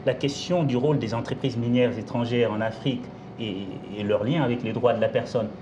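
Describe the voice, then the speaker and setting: A man's voice: medium pitch, fairly even intonation, muffled recording. Articulate Congolese-born man, noisy background. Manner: measured, articulate, with hesitations. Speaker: novelist guest. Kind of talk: interview answers.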